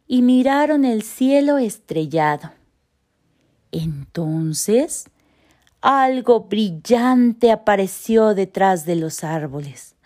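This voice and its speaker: Slow, sing-song woman reading a children's story. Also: fairly high pitch, darkish tone. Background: faint piano music.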